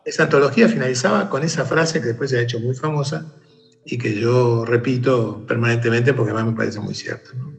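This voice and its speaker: Gravelly man telling a story. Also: medium pitch, brisk, faint music behind. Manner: animated, acts out shouted calls in the story. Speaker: guest storyteller. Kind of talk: conversational storytelling.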